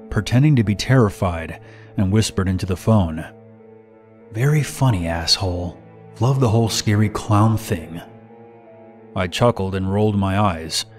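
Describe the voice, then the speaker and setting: A man narrating a horror story in steady first person, scripted. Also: lowish voice. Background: faint music.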